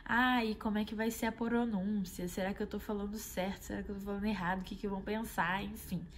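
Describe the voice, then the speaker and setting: A young Brazilian woman casually telling a travel anecdote, animated and often addressing her viewers directly. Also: mid-range voice, fast talker, a little hiss or hum. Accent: Brazilian Portuguese. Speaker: travel vlogger. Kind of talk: casual storytelling.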